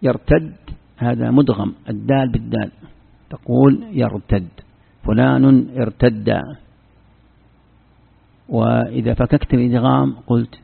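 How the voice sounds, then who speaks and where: A man's voice: mid-range voice, gravelly, slightly rough. A man teaching Quran exegesis as an Islamic scholar, explaining patiently, repeating words for emphasis and giving many examples. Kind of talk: explanatory religious lecture. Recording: tinny lo-fi phone-like recording.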